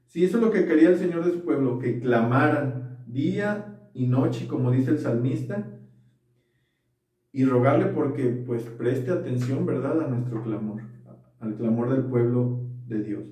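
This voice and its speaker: Mellow and unhurried, a medium-pitched pastor earnestly delivers a sermon, frequently asking for agreement to be sure his listeners follow. Echo fills the room, and the mic is far away.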